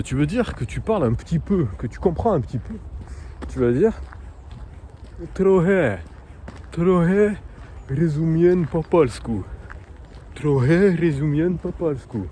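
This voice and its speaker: Man vlogging outdoors, mellow voice. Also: medium pitch, a little hiss or hum. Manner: hesitant, many fillers, sounding out foreign words slowly. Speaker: vlogger learning Polish. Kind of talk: casual walking vlog. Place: outdoor park in cold weather.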